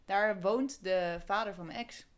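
A young woman from Holland co-hosting a casual podcast. She tells stories about her week in a loose, conversational way, breaking off to correct herself and laughing easily. Her voice sits at a middle pitch for a woman. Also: a little slow. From Holland, Netherlands. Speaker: podcast co-host. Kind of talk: casual chat.

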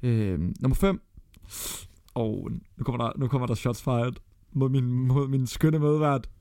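A man with a Danish accent co-hosting a chatty podcast, with a gravelly, creaky edge to his middle-pitched voice. He talks bluntly and swears freely as he works through a ranked list, and the sound is dry and close. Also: dark tone, dry recording. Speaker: podcast co-host. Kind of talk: casual chat.

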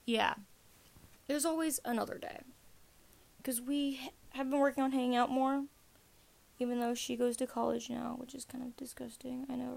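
A woman's voice: on the high side, creaky, darkish tone. A teenage girl hosting a casual rambling podcast, chatty and self-mocking, jumping between topics. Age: teens. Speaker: podcast host.

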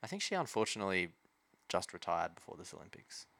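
Australian male co-host, slightly deep with a bright edge, trading casual wry sports chat. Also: very animated, quick pace, creaky, no room sound.

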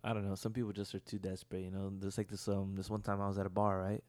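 A man's voice: low-pitched, monotone, fast, darkish tone, no echo. A man chatting casually as a podcast co-host, rambling in slangy, profane talk peppered with "you know". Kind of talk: casual chat.

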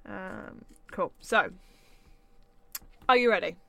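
A woman's voice: medium pitch, slow, vocal fry, sharp tone, slight background noise. A woman co-hosting a casual chat podcast, chatty and trailing off with ums, sometimes sounding sarcastic without meaning to. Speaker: podcast co-host.

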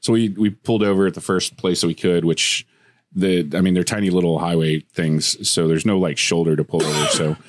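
A man's voice: deep voice, fairly even intonation, a little fast, dry recording, studio quality. A man, a podcast co-host and pastor, telling a road-trip story in casual chat with many ums. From West Texas.

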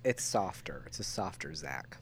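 A man's voice: deep voice, expressive, normal speed, creaky. A man as a podcast guest, chatting casually in a dry, teasing way. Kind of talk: casual chat.

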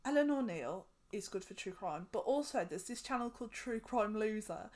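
A woman's voice: mid-range voice, lively intonation, moderate pace, darkish tone. Chatty woman podcast co-host. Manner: chatty, acts out quotes in funny voices. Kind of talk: casual chat.

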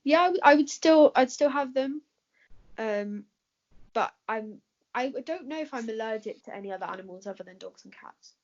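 Her voice is on the high side and animated, at a normal speed, as this English-accented woman fields questions in a relaxed conversation. Fillers and easy laughter fill her talkative answers, captured on a dull lo-fi recording.

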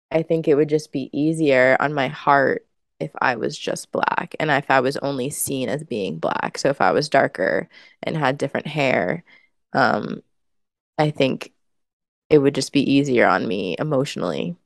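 A woman with a notably low voice shares her thoughts on a casual podcast in an earnest, measured, reflective way. The sound is close and dry, with no room around it. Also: creaky, no echo. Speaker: podcast co-host.

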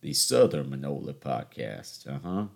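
His voice rumbles low and gravelly, a little mellow, swinging widely in pitch as he takes his time. A twentysomething podcast host from Charleston, South Carolina, with a New York-tinged accent, he meanders through his week's stories solo, joking and mocking himself.

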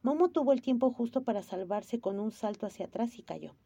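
Woman reading a storybook, mellow voice. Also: fairly high pitch, fairly quick, no echo. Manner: lively, varied character voices. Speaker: narrator.

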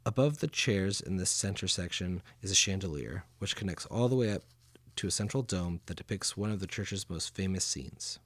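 A man with a fairly low voice guiding listeners through a scripted audio tour. He keeps it chatty and playful, slipping in jokes between explanations. The recording is close and dry, with no room sound. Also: lively intonation, normal speed, a bit bright, no room sound.

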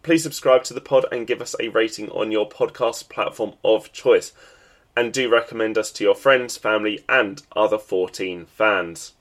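Man, nasal stuffy voice, lowish pitch, casual podcast host chat, lots of ums. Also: moderate pace, a bit bright. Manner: chatty, with many ums and restarts. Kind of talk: solo football podcast chat.

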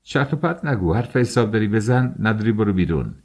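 A man's voice: low voice, sing-song, darkish tone, full character voice. A man voicing a stern, impatient gendarmerie captain who speaks in curt commands.

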